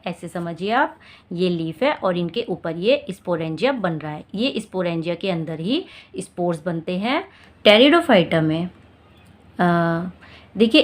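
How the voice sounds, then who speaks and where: Slow-paced woman biology teacher. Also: medium pitch. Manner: repeats each point, asks and answers her own questions. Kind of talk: slow classroom explanation, reading English points then explaining in Hindi.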